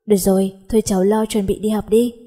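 A woman's voice: medium pitch, little pitch movement, fast, dark tone, husky, close to an everyday voice. A woman reading an old grandfather on the phone. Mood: brisk. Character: elderly grandfather, brisk and doting.

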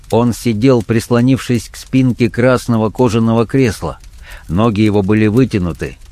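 A man's voice: on the low side, no room sound. Man reading an audiobook, dry sound. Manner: measured, even reading. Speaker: narrator. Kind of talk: scripted audiobook narration.

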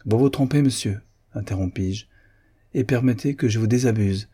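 A man's voice: fairly low pitch, moderate pace, mellow, breathy edge. A man reading a proud young woman's lines in a period novel, speaking firmly and coolly, with dignity. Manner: firm, cool, dignified.

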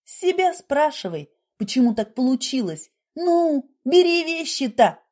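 A woman voicing a blunt middle-aged nurse who lectures brusquely, in a husky voice. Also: fairly low pitch, unhurried, warm tone. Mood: scolding.

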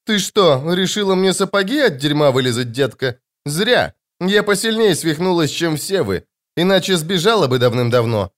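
A man voicing a gruff female corporal who barks and scolds her squad. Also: a little high, lively intonation, normal speed, a bit bright, voice pushed up. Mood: scolding. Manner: barking, scolding.

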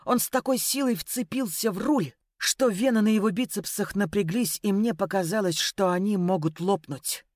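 A woman's voice: mid-range voice, normal speed, few pauses, darkish tone, no room sound, clean studio sound. A woman narrating an audiobook in a dramatic, emotive reading style.

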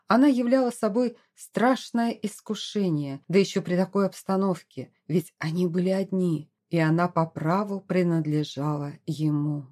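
A woman reading a romance novel aloud as an audiobook, in an expressive, dramatic way. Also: fairly low pitch, normal speed, few pauses. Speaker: audiobook narrator. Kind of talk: scripted narration.

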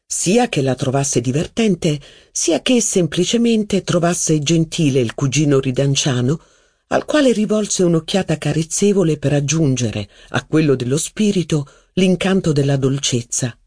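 A man narrates a literary novel in a measured, expressive reading. His pitch moves in a lively way over long sentences, and the sound is dry and close. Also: breathy edge, no echo. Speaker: audiobook reader.

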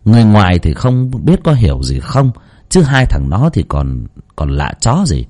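A man narrating a horror story audiobook in a dramatic, expressive storytelling manner. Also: fairly low pitch, normal speed.

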